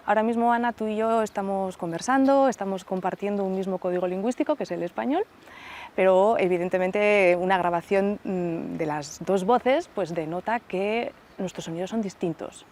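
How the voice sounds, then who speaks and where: A woman professor, a guest on a radio interview, explaining speech sounds in a measured way with examples. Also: mid-range voice, darkish tone. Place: radio studio.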